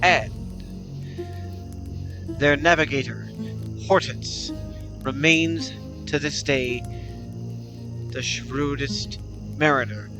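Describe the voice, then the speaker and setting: Man doing a slow, grand epic announcer. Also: fairly high pitch, fairly even intonation. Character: dramatic male epic-announcer narrator. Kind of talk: storybook narration in an announcer voice. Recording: clear music behind the voice.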